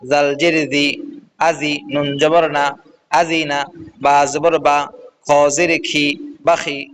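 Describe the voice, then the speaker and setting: Male Quran reading teacher, slightly high voice, very slow and clear, chants the drill in a steady rhythm. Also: low-quality recording. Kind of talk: slow recited Arabic letter drill.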